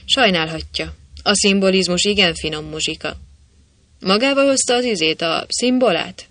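A man's voice: high voice, sharp tone, no echo. A man voicing a huge, bug-eyed, absent-minded butcher who eagerly agrees with everything in a chatty manner.

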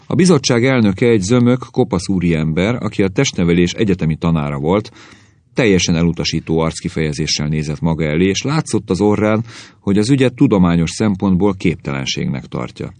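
A man reading a humorous story aloud in an audiobook narration, expressive and measured. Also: low-pitched, dry recording.

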